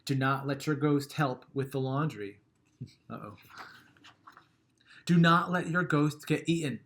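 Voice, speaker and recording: Unhurried and mid-range, a man reads a picture book to children with warmth and expression. He lets each line drift off softly and gives a little chuckle at the funny bits.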